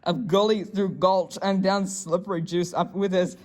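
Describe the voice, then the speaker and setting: A man's voice: high-pitched, steady tone, moderate pace. A man giving an amused, dramatic read-aloud of a rhyming children's story. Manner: amused, breaks often into chuckles. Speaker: storybook reader.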